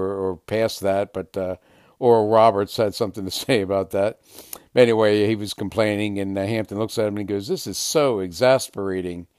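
An older man with a lowish, smooth voice hosts his sports podcast, rambling easily from topic to topic with plenty of "uh" fillers. The sound is dry and close, with no room echo. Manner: relaxed, rambling, frequent uh fillers. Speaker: podcast host. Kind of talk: casual sports podcast monologue.

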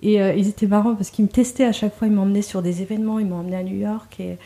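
Laughing woman with a mellow voice. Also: medium pitch, racing. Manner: animated storyteller, laughs often, many fillers and restarts. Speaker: guest. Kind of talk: conversational interview.

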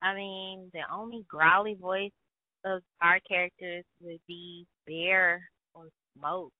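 A woman's voice: on the low side, steady tone, takes it slowly, no room sound. A woman co-hosting a casual book podcast, giving brief, dry replies. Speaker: podcast co-host. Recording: tinny phone-like dry audio.

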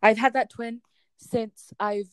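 A woman's voice: fairly high pitch, steady tone, slow, smooth, no room sound, clean studio sound. A young woman co-hosting a podcast, teasing bluntly and swearing in casual chat. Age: young adult. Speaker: podcast co-host.

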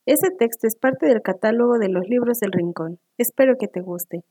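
A woman's voice: fairly high pitch, normal speed, mellow. A woman hosting and reading a children's story aloud with expression.

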